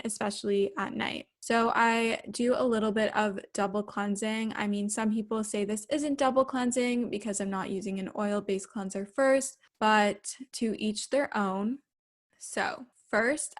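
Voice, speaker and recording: A woman casually narrating her daily routine like a lifestyle vlogger, chatty and explanatory. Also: medium pitch.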